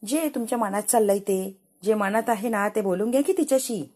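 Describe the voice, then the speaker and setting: A calm young woman who speaks patiently and teases softly, as a woman puts her on. The voice is warm and mellow. It comes from a casual serial recap. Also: medium pitch, brisk, husky, close to an everyday voice. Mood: gently teasing.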